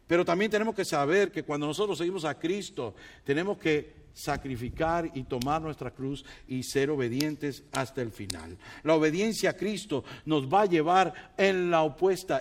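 A male pastor preaching a sermon in a fairly high voice. He swings widely in pitch and loudness, acting out his church members and then dropping low and quiet. His delivery moves from brisk conversational asides to slow, emphatic points.

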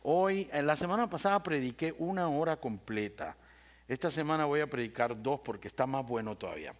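A man's voice: on the high side, brisk. A man preaching a sermon, telling stories and often asking the congregation for assent. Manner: animated storyteller, asks the congregation for assent. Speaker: pastor.

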